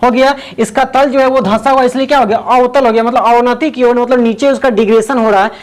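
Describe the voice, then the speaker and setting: A man's voice: extremely high pitch, fairly even intonation, fast talker. Young man teaching physics. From Bihar. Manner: repetitive rhetorical questions, sings song snippets. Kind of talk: physics lesson explanation.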